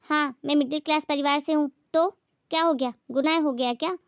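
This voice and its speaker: A woman's voice: high-pitched, fairly even intonation, fairly quick, no echo, dull audio. A woman voicing a patient young daughter-in-law who speaks politely but firmly, in a moral story drama. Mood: indignant. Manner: polite, firm.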